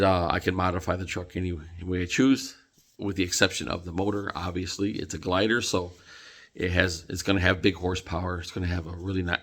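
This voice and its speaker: A man's voice: sits low, fairly bright tone. A tired man vlogging casually about a truck, rambling with many fillers and restarts. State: tired, yawning. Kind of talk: casual vlog talk.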